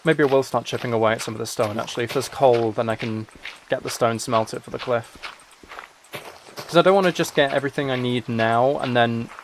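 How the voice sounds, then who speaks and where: Speaking fairly quickly in a mid-range voice, this weary livestreamer and musician rambles through a gaming stream, interrupting himself to respond to chat. The audio quality is poor, with slight background noise.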